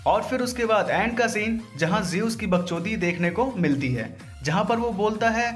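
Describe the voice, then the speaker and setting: Over music, a high-pitched man with lively intonation hosts a voice-over breakdown for his viewers at a normal speed. His commentary is informal and loaded with crude slang and jokes.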